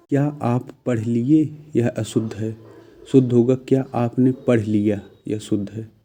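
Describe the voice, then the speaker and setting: Slow, dark-voiced male Hindi teacher. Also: mid-range voice. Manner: reads each sentence, then marks it correct or incorrect; poses quiz-style questions, then answers them. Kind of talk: spoken grammar lesson.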